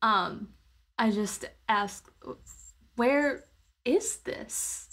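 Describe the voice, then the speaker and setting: A woman playing a tabletop roleplaying game casually describes what her character does, sounding thoughtful and hesitant as she searches for words. Her voice is fairly high and a bit bright, with drawn-out words.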